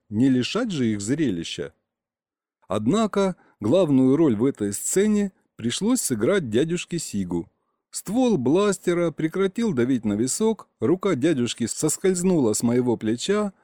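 A man reading a first-person audiobook in a lively, conversational way. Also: on the high side, dry recording, studio quality. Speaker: audiobook narrator.

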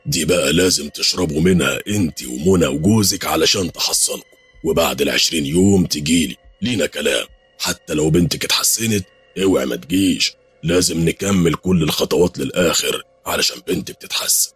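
A man's voice: very deep voice, a little fast, breathy edge, dry recording, faint music behind, full character voice. A man doing a stern, sinister Egyptian sheikh. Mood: commanding. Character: stern middle-aged male sheikh, commanding and sinister.

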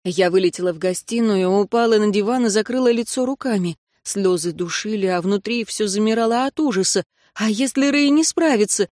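A woman's voice: medium pitch, a little fast, hardly any pauses, no echo, studio quality. A woman narrating a first-person novel as an audiobook, telling it expressively. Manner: expressive storytelling.

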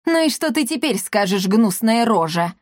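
A fierce storybook housewife, scolding and threatening with sharp emphasis, as a woman reads her. Her voice sits somewhat higher than a plain reading voice. The sound is dry and close. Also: lively intonation, normal speed, no echo, close to an everyday voice.

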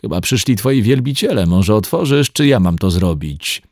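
A smug young man speaks in a very deep, husky voice, put on by a male reader. He teases with an easy, lively lilt, cool and mocking, in a dry storybook reading. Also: normal speed, no room sound. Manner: calm, teasing, smug.

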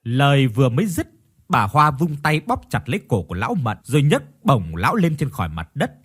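Expressive male horror storyteller. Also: medium pitch, fairly quick, slightly rough. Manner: dramatic, expressive reading. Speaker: narrator.

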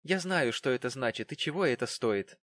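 A man's voice: expressive, normal speed, dry recording, natural voice. A man reading the part of a spiteful young daughter who shrieks and scorns her father in a storybook reading. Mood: sulky scorn. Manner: shrill, shouting, scornful.

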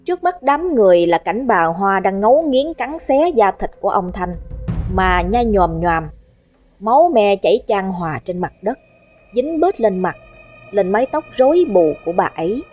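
A woman narrating a ghost story in a steady, dramatic reading. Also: medium pitch. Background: faint background music.

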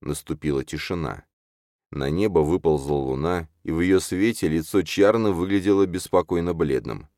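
A man narrating an audiobook in a measured, expressive storytelling manner. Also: deep voice, no echo, studio quality. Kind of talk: scripted narration.

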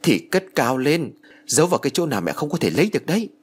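A man's voice: a little high, sing-song, fast talker, husky, voice pushed up. A man voicing a stern, curt middle-aged brother in a spoken ghost story. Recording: music bed under voice.

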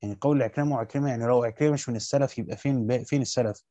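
A man with an Egyptian accent who teaches by reading a classical commentary quickly aloud and stopping to add casual spoken remarks. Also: mid-range voice, dark tone, no echo, highs cut off. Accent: Egyptian Arabic. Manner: reads classical Arabic quickly, then breaks into colloquial comments. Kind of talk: fast reading of a classical text with spoken asides.

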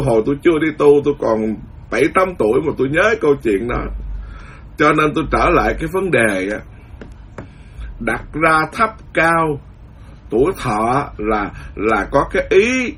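A Buddhist monk giving a lively storytelling sermon, acting out the voices of the people in his story. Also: mid-range voice, breathy edge. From Vietnam. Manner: animated, acts out quoted voices, laughs at his own story. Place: lives in the US, speaking to followers.

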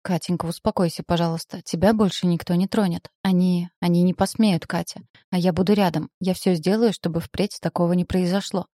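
A woman's voice: lowish voice, fairly even intonation, brisk, dark tone, no echo, clean studio sound, lightly acted. A woman reading the lines of a remorseful male boss who anxiously coaxes and pleads in a storybook. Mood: pleading. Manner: anxious, coaxing.

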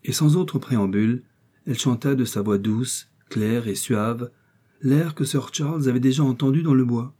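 A man's voice: mid-range voice, normal speed, mellow. A man reading a classic novel aloud as an audiobook narrator, giving the characters' dialogue its own turns. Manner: reads aloud, voicing each character in dialogue.

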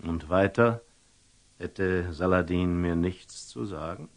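An actor playing a wise, calm merchant and eloquent storyteller in a classical radio drama, speaking with rhetorical, deliberate emphasis. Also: male voice, low-pitched. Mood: measured, courteous. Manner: rhetorical, deliberate, with emphatic rises and hushed drops.

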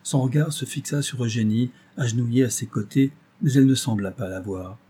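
A man reading a story aloud in measured scripted narration. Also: mid-range voice, mellow, breathy edge.

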